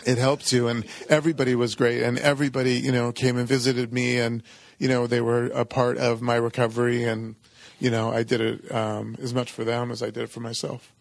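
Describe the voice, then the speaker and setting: A middle-aged man, an interview guest, telling personal stories reflectively and informally, in a halting way peppered with filler phrases. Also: medium pitch, little pitch movement, gravelly, no echo. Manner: halting, informal, frequent "you know". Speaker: interview guest, company executive. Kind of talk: reflective personal storytelling in conversation.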